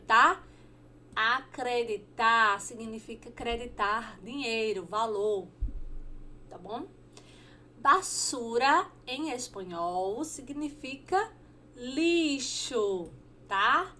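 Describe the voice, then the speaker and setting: A Brazilian woman teaching a Spanish lesson, repeating each word slowly and checking in with short questions. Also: on the high side, sharp tone, slight background noise. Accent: Brazilian Portuguese. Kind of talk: online language lesson.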